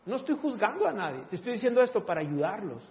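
A man's voice: high voice, sing-song, fast, in a large hall, muffled recording. A man preaching a humorous sermon, laughing often and acting out voices.

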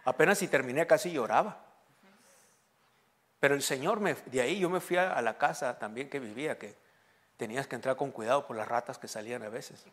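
A man's voice: mid-range voice, fairly quick, a bit bright. A man in his forties with a Mexican accent, preaching a sermon as a pastor and telling humorous stories to his congregation. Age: 40s. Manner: humorous storytelling, joking with the congregation.

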